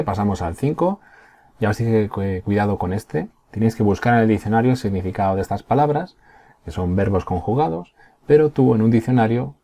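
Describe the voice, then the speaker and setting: A man teaches a primary class, his deep, mellow voice carrying a slight husk. He explains patiently one step at a time and keeps checking that the pupils follow. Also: breathy edge. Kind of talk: recorded remote class.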